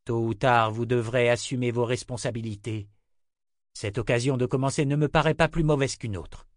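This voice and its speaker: A man voicing a resolute lordly hero, earnest and declaiming, a little higher than his narration. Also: fairly even intonation, moderate pace, no room sound, clean studio sound, natural voice.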